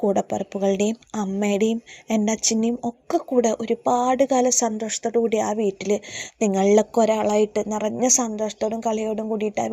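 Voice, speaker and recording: A woman voicing a tearful young woman who pleads softly with her father in a retold serial story. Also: mid-range voice, no room sound, lightly acted.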